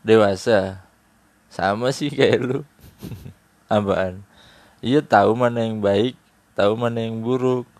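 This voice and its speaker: A man's voice: lowish voice, fairly even intonation, slow, pauses often, darkish tone, no room sound. A man in casual, teasing chat, laughing often as he jokes around. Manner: joking banter with frequent laughter; slangy and teasing.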